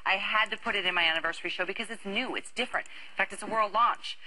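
A middle-aged woman hosting a home shopping show, delivering an enthusiastic, chatty sales pitch in a TV studio. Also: fast, sharp tone, rough recording.

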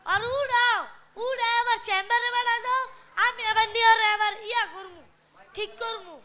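A man's voice: very high voice, steady tone, normal speed, pushed and bright, heavily acted. A young male actor playing an offhand doctor son who dodges helping his father, speaking colloquial Bangladeshi Bengali. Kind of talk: amateur stage drama.

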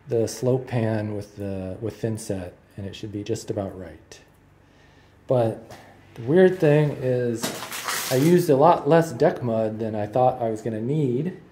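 A man filming his own basement renovation, calmly talking through the work as he goes and thinking out loud with small restarts and fillers. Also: mid-range voice, slight background noise. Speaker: DIY home renovator. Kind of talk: casual first-person narration. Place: unfinished basement room indoors.

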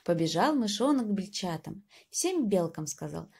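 Gentle woman reading a fairy tale. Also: on the low side, very animated, normal speed, creaky, breathy edge. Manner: gentle, lilting storytelling. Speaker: narrator.

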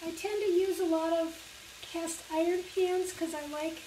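A woman's voice: very high-pitched, steady tone, moderate pace, mellow, slight background noise. An older woman patiently explaining a recipe step by step for kids in a home kitchen, recorded by a camera a few feet away. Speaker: library cooking instructor for kids. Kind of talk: cooking demonstration. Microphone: far camera. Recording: echoey kitchen from a distance. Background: faint sizzling of frying meat.

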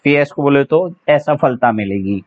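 A man's voice: mid-range voice, normal speed. A man teaching English vocabulary for exams in a chatty, joking way, spelling words out letter by letter. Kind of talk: exam-prep English vocabulary lesson. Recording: slightly dull lo-fi audio.

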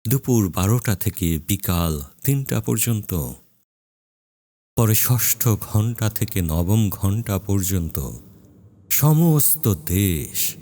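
Male preacher, deep-ish and very expressive, dry close recording. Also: no echo. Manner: slow, solemn, emphatic with drawn-out pauses. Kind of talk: dramatic sermon narration.

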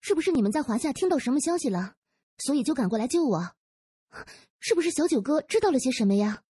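An anxious young woman gang boss asks pleading questions in a high, breathy voice, as a man puts her on. Her tone is dark and husky, and her pitch swoops widely. She is a figure in a storybook reading. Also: big pitch swings, fast, no echo, clean studio sound.

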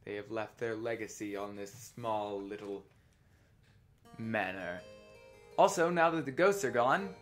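A man's voice: lowish voice, a little slow, pauses often, soft background music. A teenage boy hosting a let's play, chatting casually with lots of ums and a slight lisp from a retainer. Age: teens. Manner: chatty, rambling with many ums. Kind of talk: casual gameplay commentary.

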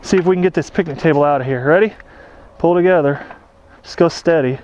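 Young man, high voice, excitable outdoor vlog, lake dock, slightly muffled action-camera sound. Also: fairly quick, a little hiss or hum. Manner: excitable, chatty, keeps addressing viewers as boys. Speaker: magnet fishing vlogger. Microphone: action camera worn on the body.

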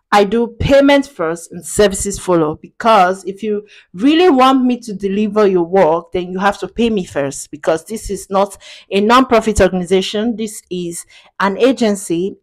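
A young woman speaking straight to camera in a casual, matter-of-fact way. Her voice sits at a middle pitch, and she talks plainly and firmly, with the odd filler. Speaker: digital marketing agency owner.

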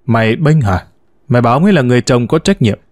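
A man's voice: medium pitch, lively intonation, fast, a little mellow, dry recording, clean studio sound, natural voice. A man voicing an older widowed mother who scolds her grown sons with venom, in a storybook reading. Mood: bitter. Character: sharp-tongued older widow, furious mother.

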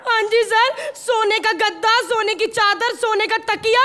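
An actress playing a cheeky, quick-witted blind wife in a live stage comedy sketch, snapping back with jokes. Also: female voice, very high voice, steady tone, bright, forceful tone, exaggerated voice. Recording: live studio with music playing.

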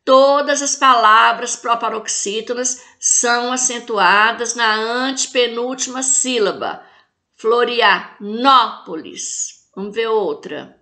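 A woman's voice: on the high side, bright, forceful tone. A woman from Brazil with a Brazilian accent, teaching a recorded class lesson, stressing syllables and asking pupils rhetorical questions. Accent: Brazilian Portuguese. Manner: slow, spells out and stresses syllables.

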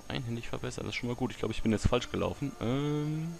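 A man giving casual let's play commentary, muttering to himself with excitable outbursts. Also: medium pitch, fast talker, creaky, faint music behind.

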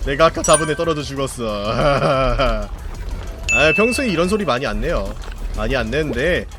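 A man streaming a party game, commenting live, often yelling and laughing at the action and cursing at rival players. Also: medium pitch, lively intonation, moderate pace, loud music behind the voice. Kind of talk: excited gameplay commentary.

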